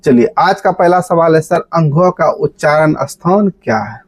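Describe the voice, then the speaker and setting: A man's voice: fairly high pitch, moderate pace, no echo. A man teaching a grammar lesson, quizzing students and chanting memory formulas in a sing-song way. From Bihar, India. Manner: lively, repeats key terms, quizzes students with "बात समझ रहे हैं?".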